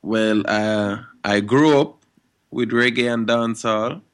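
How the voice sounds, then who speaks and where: A young man with a lilt speaks in a fairly low register. He answers interview questions about his music in a relaxed, unhurried way, tagging his sentences with "you know" and "you understand.". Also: clean tone. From Guadeloupe and Switzerland. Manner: laid-back, frequent "you know" and "you understand" tags. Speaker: reggae and dancehall artist, interviewee.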